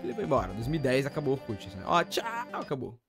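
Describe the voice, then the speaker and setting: A young man with a Brazilian accent, streaming and reacting excitedly with lots of slang and exclamations. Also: medium pitch, fast talker, music in the background. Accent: Brazilian Portuguese.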